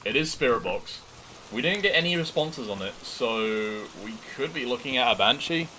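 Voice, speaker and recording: A man doing live horror game commentary, chatting casually to viewers in an animated, excitable way with jokey asides. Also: medium pitch, moderate pace, a little hiss or hum, low-quality recording. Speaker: game streamer.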